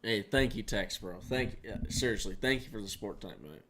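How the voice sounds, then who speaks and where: A man hosting a casual livestream, rambling and excitable, thanking viewers as he talks. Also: fairly low pitch, quick pace, noisy background. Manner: rambling and excitable, with laughs and restarts. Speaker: livestream host.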